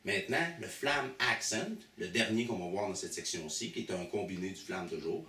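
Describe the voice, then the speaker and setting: A low-voiced drum teacher with a Québécois French accent speaks at a moderate pace, demonstrating in a drum school studio while he patiently counts aloud and names every stroke. Recorded from a distance in an echoey room, the loud drum hits come through strongly.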